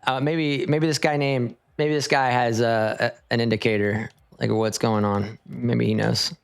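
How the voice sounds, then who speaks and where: A man's voice: mid-range voice, steady tone, measured pace, vocal fry, clean tone. A man commentating an online esports tournament in an easygoing, rambling, playful way.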